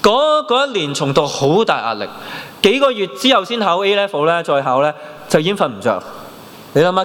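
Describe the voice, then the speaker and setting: Man, 30s, Hong Kong Cantonese accent, preacher, animated storytelling, slightly high voice, long church-hall reverb. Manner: animated storytelling, mixing in English words. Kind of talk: sermon with personal testimony.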